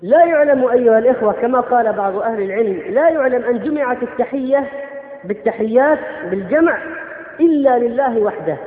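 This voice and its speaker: A man's voice: very high-pitched, animated, quick pace. A man preaching a sermon, correcting common phrases and repeatedly addressing his listeners as brothers. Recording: tinny lo-fi recording in an echoey hall.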